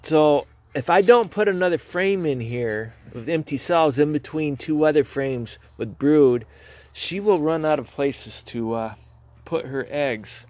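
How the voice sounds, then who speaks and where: His voice is on the high side, a little slow, with a darkish tone. He's a beekeeper filming a casual hands-on demonstration of his hives on a handheld phone in a garage, chatty and plainspoken as he explains.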